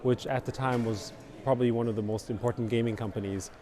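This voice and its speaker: A middle-aged man from Austria speaks in an easy, meandering way, sprinkling "you know" through long answers. His pitch sits in an ordinary middle range. Clear crowd chatter carries in the background, as at a busy event. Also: fast talker. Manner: relaxed, rambling, many fillers like "you know" and "basically". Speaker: interview guest, company founder. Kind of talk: conversational interview. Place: outdoors at a busy conference venue. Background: crowd noise.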